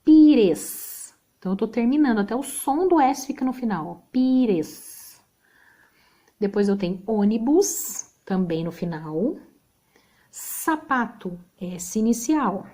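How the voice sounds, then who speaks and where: A woman's voice: on the high side, animated, measured pace, warm tone. A woman with a Brazilian Portuguese accent teaching a remote spelling lesson, patient, checking in with the class often.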